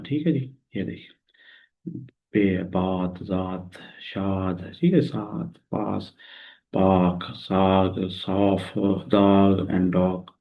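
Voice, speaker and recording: A man's voice: on the low side, creaky. Teacher man on a tinny phone-like recording. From Pakistan. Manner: patient, explains step by step and repeats words slowly. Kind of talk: recorded grammar lesson.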